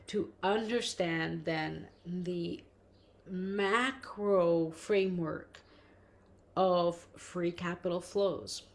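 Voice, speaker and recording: A middle-aged woman who grew up in Indonesia, thinking aloud in an interview and stringing ideas together in long chains. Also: on the low side. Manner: thoughtful, lists terms in long chains. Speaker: interviewee, debt justice researcher. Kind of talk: reflective interview talk.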